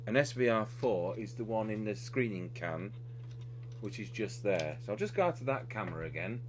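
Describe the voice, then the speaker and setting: A man speaks at normal speed in a lowish, animated voice while working at an indoor radio repair bench. He talks through the unscripted, hands-on job step by step, a bit hesitantly, and electrical hum makes the recording clearly noisy.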